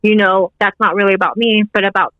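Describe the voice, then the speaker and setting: A woman in her twenties, guesting on a podcast, chats casually in an upbeat, rambling way and says "like" a lot. Her voice is mid-range with fairly even intonation and a quick pace, and the recording is dry with phone-quality sound.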